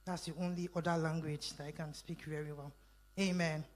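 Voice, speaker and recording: A woman's voice: low-pitched, flat delivery, brisk, low-quality recording. A woman speaker giving an interactive Bible teaching talk at a meeting, reading verses aloud, explaining them and quizzing the audience with call-and-response questions.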